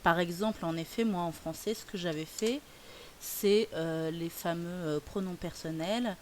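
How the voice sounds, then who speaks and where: A woman explaining a software tutorial as a teacher, chatty and hesitant with many fillers. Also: fairly low pitch, unhurried. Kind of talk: screen-recorded tutorial. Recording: faint hiss.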